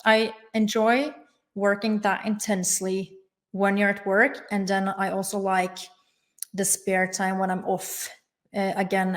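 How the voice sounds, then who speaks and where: Woman from norway, young adult, formal careful answers, middle pitch. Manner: measured and formal, with careful connectives. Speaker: guest. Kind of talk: interview answers.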